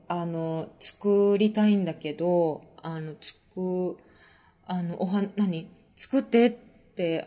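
In a laid-back live-stream conversation, a woman who hosts a podcast and makes music reads out viewer comments and responds, laughing a lot and filling her speech with fillers. Her pitch is fairly low.

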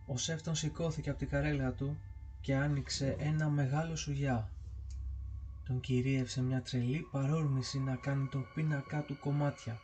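Guy reading a ghost story aloud, mellow and steady, bit of hiss behind. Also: mid-range voice. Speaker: audiobook narrator. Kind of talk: scripted narration of a ghost story.

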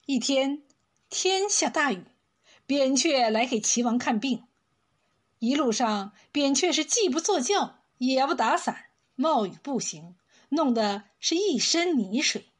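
Slow, breathy woman reading a folk tale. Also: high voice, lively intonation. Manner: slow, deliberate storybook telling. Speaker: storyteller. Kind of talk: scripted narration of a folk tale.

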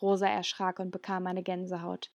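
A woman narrating a children's adventure story in calm, even storytelling. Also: lowish voice, normal speed, dry recording. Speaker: audiobook narrator. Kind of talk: scripted narration.

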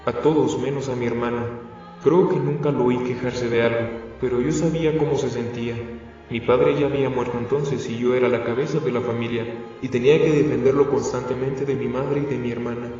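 A calm, courteous vampire man who has lived for centuries, voiced by a male reader, speaking politely and without hurry. The voice is dark and mellow, set back from the mic in an echoey, roomy space. The sound is dull and lo-fi, with faint music underneath. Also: medium pitch, distant mic, natural voice. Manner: polite, confiding, unhurried.

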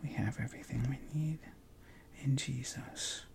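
A man leading a guided contemplative prayer session, talking softly in a hushed whisper with long pauses and relaxed, informal asides. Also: mid-range voice, gravelly. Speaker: prayer leader.

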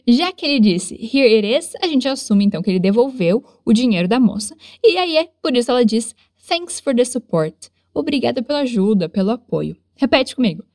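A woman teaching English in a lesson, modeling phrases slowly with exaggerated pronunciation for learners to repeat. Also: fairly high pitch, lively intonation, darkish tone, no echo, clean studio sound. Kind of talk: language lesson with repeat-after-me drills.

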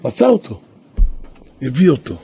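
A man, a rabbi and yeshiva head, telling a story in a sermon, animated and now and then calling out quoted lines loudly. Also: medium pitch, faint music behind. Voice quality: raspy.

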